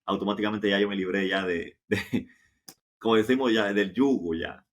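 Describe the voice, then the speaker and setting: A man with a fairly deep voice and a Dominican Caribbean Spanish accent. He recounts anecdotes casually, like a guest in an interview. He often repeats a phrase or asks a rhetorical question before carrying on. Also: fairly even intonation, moderate pace. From Dominican Republic. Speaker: interview guest, professional football goalkeeper.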